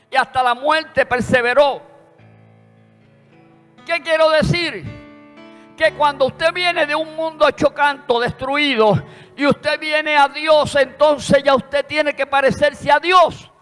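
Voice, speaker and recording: A man with a Puerto Rican accent preaches with a strikingly high, bright and forceful voice. He is fervent and pushes into shouted praise. The sound is a long church reverb with instrumental music playing behind him. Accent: Puerto Rican Spanish. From Puerto Rico. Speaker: pastor. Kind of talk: preaching a sermon. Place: church sanctuary.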